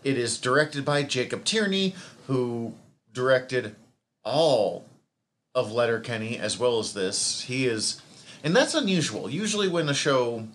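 A man's voice: medium pitch, expressive, unhurried, a bit bright. Male podcast co-host, loose casual delivery, frequent swearing, faint noise floor. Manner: loose, swears freely, rambling. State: hiccups from eating. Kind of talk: casual chat.

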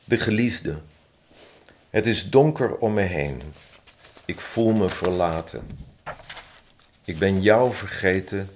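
Deep slow guy, thoughtful podcast guest reading his poem. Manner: slow, thoughtful, reads his own poem softly and deliberately. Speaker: podcast guest, publisher and poet. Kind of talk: conversational interview with a slow poetry reading.

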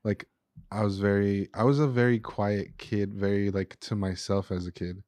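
A man's voice: lowish voice, steady tone, moderate pace, a little mellow, no room sound. A young man, a podcast guest, talking casually and openly about his feelings, recorded in a living room. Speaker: podcast guest, chef and restaurant owner. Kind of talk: casual conversation.

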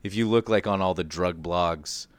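On a dry recording, a deep-voiced man at normal speed explains his own research as a podcast co-host. His delivery is casual and conversational, self-deprecating and loose, with a bit of mild slang.

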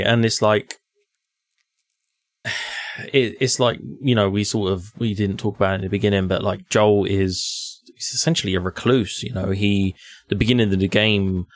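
Low, hesitant man chatting. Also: dry recording, clean studio sound. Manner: hesitant, restarts and repeats words. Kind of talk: casual chat about a video game.

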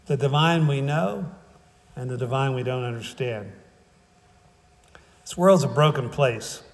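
A man's voice: mid-range voice, a little slow. A male preacher delivers a sermon in an easy, conversational way and keeps checking in with his listeners. His humor is dry and wry. His voice sits in a middle register, and a long reverb trails off each phrase, as in a large hall. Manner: conversational, often adds "right?" and "okay?".

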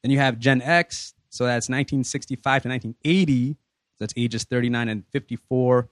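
A podcast host in his thirties leads a casual group discussion, drifting through his points with lots of fillers and restarts. His medium-pitched voice moves a little fast and is recorded close and dry, with no echo.

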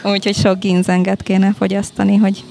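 A woman chatting casually as a podcast guest, often pausing to search for words. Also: medium pitch, completely flat delivery, creaky, dark tone, soft background music. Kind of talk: casual conversational interview.

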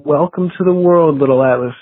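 A man's voice: a little high, fairly quick. A man leaving an earnest, affectionate voicemail greeting, heard over a landline phone. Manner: earnest, affectionate well-wishing. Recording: tinny phone-line voicemail.

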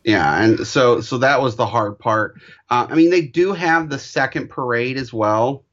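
Man, mid pitch, rambling casual talker who laughs a lot; muffled lo-fi sound. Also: a little slow, fairly bright tone. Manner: rambling, with many restarts and laughs. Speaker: parent recounting a trip. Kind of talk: casual chat. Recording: dull lo-fi sound.

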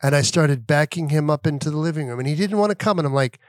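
A man's voice: a little high, fast, no room sound, studio quality. A middle-aged man co-hosting a podcast, telling a funny family story in a joking, playful way. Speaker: podcast co-host. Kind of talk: casual storytelling.

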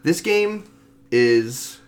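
A man's voice: on the high side, expressive, very slow. Laid-back man chatting, swearing casually. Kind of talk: casual chat.

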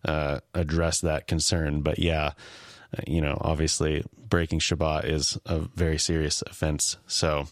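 Man, very low voice, dry close sound, casual podcast co-host, halting recap. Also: flat delivery, dry recording. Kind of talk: casual discussion, recapping a TV episode.

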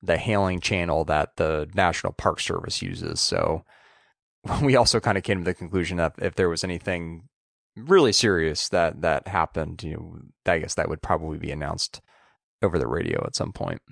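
A man co-hosting a casual podcast, talking in a halting way with pauses and restarts. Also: deep voice, expressive, vocal fry, a bit bright, dry recording, clean studio sound. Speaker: podcast co-host.

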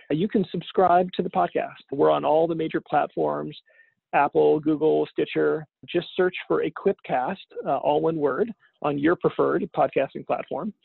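Guy hosting a podcast from home, kinda distant from the mic, thin phone sound, really gravelly and husky. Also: a little high, no room sound, narrow, tinny audio. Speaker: podcast host. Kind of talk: casual scripted podcast introduction. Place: at home, remote from the studio.

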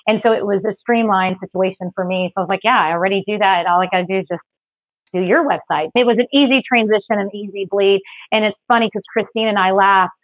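Woman, quick and chatty, laughs a lot, phone-thin sound, dry. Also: mid-range voice, dry recording, phone-quality sound. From Philippines, raised in Texas. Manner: quick, talkative, laughs often. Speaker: guest, business services rep. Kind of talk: casual interview.

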